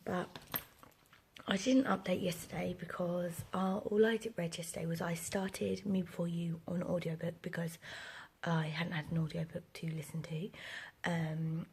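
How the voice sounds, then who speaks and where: A young woman in her twenties whispers close to the camera at home, her voice very breathy and husky with a gravelly fry. She sits low in pitch and rambles casually with a slightly sore throat. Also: flat delivery, moderate pace, a little mellow. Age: 20s. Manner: rambling, many fillers and restarts. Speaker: vlogger. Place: home, indoors.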